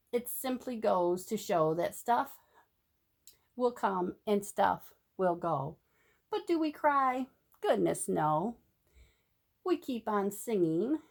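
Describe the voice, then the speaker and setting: With a medium pitch and vocal fry, a woman reads a picture book aloud to small children the way a teacher would. She's animated, lengthens words, asks the listener questions and speaks in a sing-song lilt.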